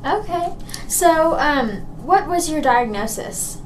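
Higher-voiced woman hosting a radio interview. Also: expressive, slow pace, a little hiss or hum, poor audio. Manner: friendly, many short affirmations. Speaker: co-host.

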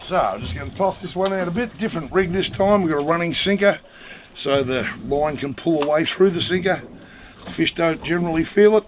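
A man's voice: a little high, brisk. Man explaining a fishing rig. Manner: steady, explaining step by step. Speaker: fishing host. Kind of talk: instructional commentary. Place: small boat at sea, outdoors. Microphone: camera mic. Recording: wind and boat noise outdoors.

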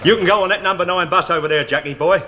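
A man's voice: high-pitched, racing, bright, forceful tone. An actor playing a smug, petty bus depot inspector in a 1970s TV sitcom. He talks with an English accent, gloats and mocks, and chuckles as he goes. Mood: gloating.

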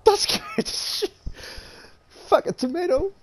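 Woman gamer, slow-paced, sweary chat with lots of laughing and swooping pitch. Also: expressive, a little hiss or hum. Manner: swears constantly, laughs and yelps in surprise. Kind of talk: gaming chat with a friend.

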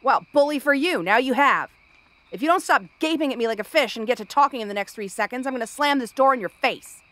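A woman with a high, bright voice talks fast with lively intonation on a dry recording. In a fantasy ASMR roleplay, she plays an exiled princess cursed into a frog girl, cranky, sarcastic, irritated and bratty. She's snappish, with tomboyish tsundere bluster.

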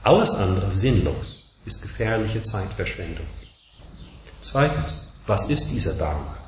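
A man giving a dharma talk as a Buddhist teacher, emphatic and measured, driving his points home through insistent repeated contrasts. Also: sits low, big pitch swings, noisy background. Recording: echoey room.

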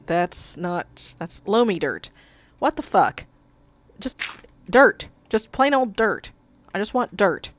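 This gamer speaks slowly in a mid-range voice, her pitch rising and falling widely. Suffering from a cold and sucking a cough drop, she reads the game's quest text out loud and swears at her own mistakes in casual commentary.

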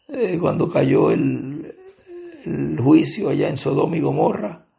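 A man with a Puerto Rican accent delivers a Bible-study sermon in a heavily gravelly, mellow voice, pitched a little high. He reads passages aloud and explains them with searching pauses. The recording is dull and lo-fi. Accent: Puerto Rican Spanish. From Puerto Rico. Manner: reads scripture aloud, then explains it with many filler pauses. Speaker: preacher.

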